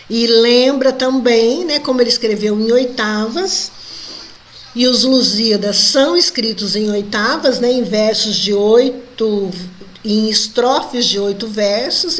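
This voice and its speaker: Brazilian woman teacher explaining patiently. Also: a little high. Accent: Brazilian Portuguese. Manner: explanatory, checks in with frequent tag questions. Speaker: Portuguese language teacher. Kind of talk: recorded online lesson.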